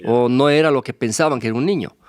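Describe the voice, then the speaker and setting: A man, a guest author answering interview questions in a relaxed, rambling way with asides. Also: medium pitch, quick pace, dry recording, clean studio sound. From Ecuador.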